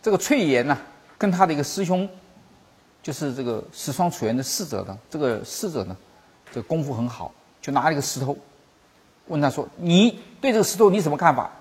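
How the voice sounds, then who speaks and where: Very husky, animated Buddhist teacher. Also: medium pitch. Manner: storytelling, acting out quoted masters; repeats and explains phrases slowly. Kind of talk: Chan Buddhist teaching talk.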